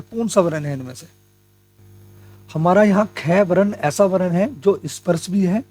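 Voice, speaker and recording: A young Hindi grammar teacher with a fairly high, darkish-toned voice runs an exam-prep lesson, chatting with viewers as if they were friends. He moves step by step, asking his own questions and then answering them.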